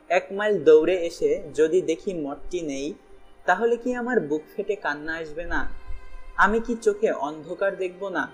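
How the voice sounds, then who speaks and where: A man reading a novel aloud as an audiobook narrator, in a measured, grave first-person style. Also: high voice, breathy edge. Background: faint background music.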